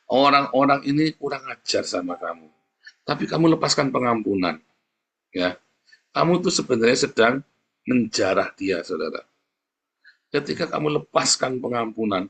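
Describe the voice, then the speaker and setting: Husky-voiced preacher, lively swings. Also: male voice, on the low side. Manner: animated, swings loud and soft, addresses listeners as brothers and sisters; blunt, colloquial. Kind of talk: sermon.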